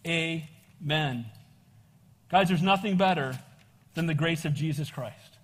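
A man's voice: on the high side, slow, fairly bright tone. An older American man preaching an evangelical sermon as a pastor, exhorting his congregation with conversational asides and frequent calls for amens. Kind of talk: evangelical sermon, expository Bible teaching. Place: large church room, preaching to congregation. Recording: echoey hall with long reverb.

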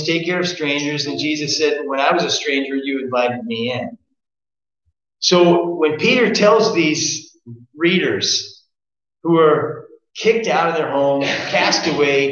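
A man's voice: on the high side, a bit bright. A man preaching a sermon, earnest and direct, asking his listeners pointed questions. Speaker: pastor. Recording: echoey muffled room recording.

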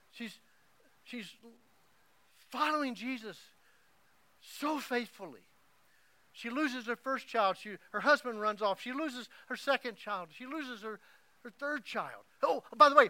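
Middle-aged male pastor, emotional storyteller, sharp bright tone, dry recording. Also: very high-pitched, expressive, measured pace, pauses often, no room sound. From Oklahoma. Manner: emotional storytelling, swings from hushed to loud. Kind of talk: sermon.

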